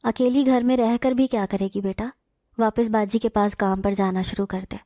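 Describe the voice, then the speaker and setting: A woman voicing a kind middle-aged neighbour woman who speaks gently and coaxingly in a storybook tale. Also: medium pitch, steady tone, no room sound, studio quality, lightly acted. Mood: gentle.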